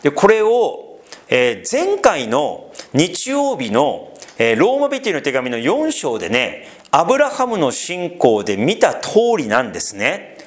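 A man preaching a sermon as pastor, conversational and animated, with frequent fillers and asides to the congregation. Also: on the high side, unhurried.

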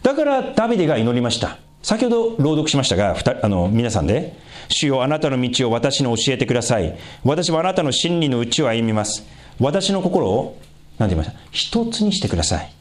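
A man giving a conversational sermon as a pastor, asking the congregation questions and swinging his pitch for emphasis. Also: very animated, brisk.

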